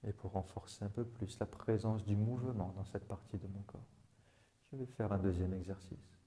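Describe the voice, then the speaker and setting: A man leading a guided body-awareness and breathing exercise, giving slow, calm instructions in the first person. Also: fairly low pitch. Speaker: relaxation guide.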